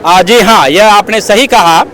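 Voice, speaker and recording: At length and with earnest formality, a man interviewed on the street as an activist lays out his case, habitually slipping in filler phrases. He speaks a little slowly, in a high, fairly bright voice.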